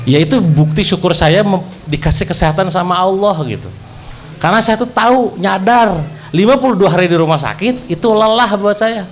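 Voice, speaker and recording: Man, young, high-pitched, animated, jokey, religious talk speaker, faint background noise. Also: brisk. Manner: animated, jokey, addresses audience directly. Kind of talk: humorous storytelling in a religious talk.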